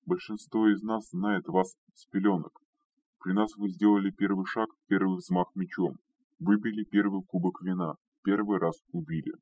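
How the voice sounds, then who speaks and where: A man's voice: low-pitched, level tone, normal speed. A man voicing a loyal male retainer who pleads and speaks hesitantly, recorded distant and dull. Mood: humble, hesitant.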